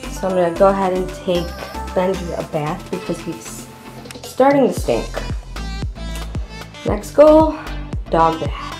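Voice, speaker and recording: A woman's voice: lowish voice, sing-song, measured pace, pauses often, music in the background. A young woman chatting casually while filming a home vlog about her day with her baby and dogs, sometimes whispering so her sleeping baby stays asleep. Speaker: vlogger and mother.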